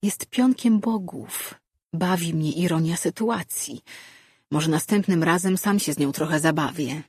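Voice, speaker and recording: A woman voicing a sly, sardonic male presence in a man's mind who taunts slowly. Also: low-pitched, darkish tone, husky, no room sound, studio quality. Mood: taunting.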